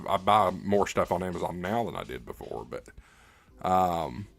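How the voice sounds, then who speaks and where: This livestream host is a man with a low voice who reads out comments from viewers. He responds casually, rambling and thinking aloud as he goes.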